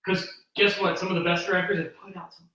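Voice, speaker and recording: A man, a guest radio DJ, chatting casually on a podcast, animated and jokey. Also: high voice, fast talker, a little hiss or hum. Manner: animated, jokey, laughs often. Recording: echoey room, distant mic.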